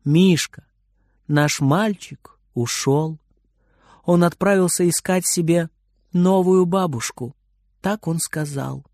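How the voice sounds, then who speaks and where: A man's voice: fairly high pitch, slow, pauses often, darkish tone, no echo, clean studio sound. A man playing a fussy old grandmother. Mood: sad. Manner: scolding, raised and fussy. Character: old grandmother, cross but loving. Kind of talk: storybook reading.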